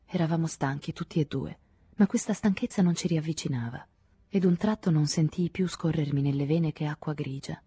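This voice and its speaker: A woman narrating a literary novel in the first person, measured and intimate. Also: sits low, mellow, breathy edge, no room sound, studio quality. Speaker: audiobook narrator.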